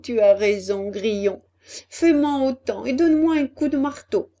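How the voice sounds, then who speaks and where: A woman voicing a cheeky, excitable puppet boy in a storybook reading, with a high, loud, exclamatory delivery. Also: a little slow. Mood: eager.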